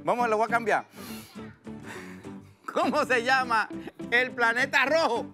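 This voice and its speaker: A man with a high, bright-sounding Dominican voice hosts a live children's quiz in a TV studio. He is playful, laughs a lot and sings little drum-roll countdowns between questions. Music plays clearly behind him. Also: unhurried. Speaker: children's show host. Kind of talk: live kids' quiz show hosting.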